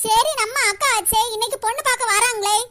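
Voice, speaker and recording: A woman's voice: very high voice, a little fast, sharp tone. A woman voicing a chatty, teasing schoolgirl younger sister in a cartoon, with a Kanyakumari Tamil accent.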